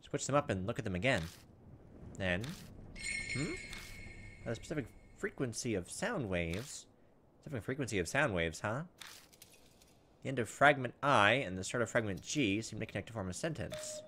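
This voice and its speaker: As a let's play host, this man speaks at a moderate pace with a fairly low pitch and frequent pauses. He reads the game's text aloud and mutters informal asides, all over a steady layer of background noise.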